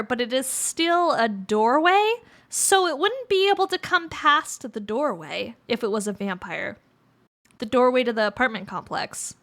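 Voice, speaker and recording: A woman's voice: high-pitched, sharp tone. A woman with a cute anime-streamer delivery, hosting a livestream of spooky story reading and chat. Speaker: livestream host.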